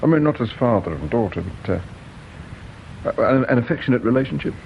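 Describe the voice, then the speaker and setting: An actor playing a patient provincial police inspector who questions people gently and measuredly in a radio drama. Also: male voice, medium pitch, expressive, vocal fry, slight background noise. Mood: probing. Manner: measured, gently probing, hesitates with "uh". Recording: dull lo-fi radio recording.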